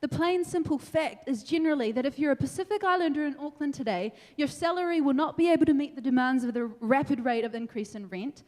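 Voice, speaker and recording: A young woman from New Zealand giving an energetic, animated debate speech, laughing between points. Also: high-pitched, fast talker, hardly any pauses. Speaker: debate speaker. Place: large council meeting hall. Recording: long hall reverb.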